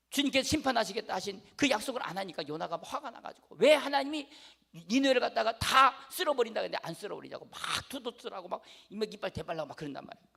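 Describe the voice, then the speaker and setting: A man's voice: very high-pitched, gravelly, fairly bright tone. A middle-aged male pastor preaching a sermon, emphatic and repetitive, often checking that his congregation understands. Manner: emphatic, repeats phrases, asks the congregation "아시겠어요?".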